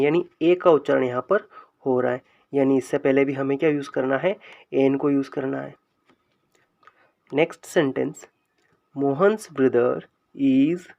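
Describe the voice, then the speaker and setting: A man teaching English grammar in speech, explaining slowly and drawing out example sentences word by word. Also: mid-range voice, gravelly, a little mellow, highs cut off. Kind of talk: explaining a lesson.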